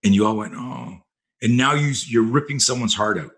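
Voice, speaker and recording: A man's voice: mid-range voice, fast talker, fairly bright tone. A man telling blunt, profane stories as a self-defense instructor on a podcast. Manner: blunt, profane, vivid storyteller. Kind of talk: storytelling in a podcast interview.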